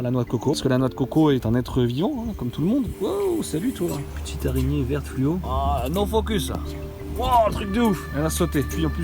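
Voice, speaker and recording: A man hosting his own casual vlog, joking and chatting in a playful, slangy way. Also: on the high side. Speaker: vlogger. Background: background music.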